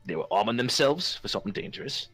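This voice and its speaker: A man's voice: medium pitch, lively intonation, fast, fairly bright tone, slightly rough, soft background music. A man voicing a blunt, foul-mouthed male halfling who speaks crudely and plainly in a tabletop game. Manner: crude and plain-spoken, swears freely.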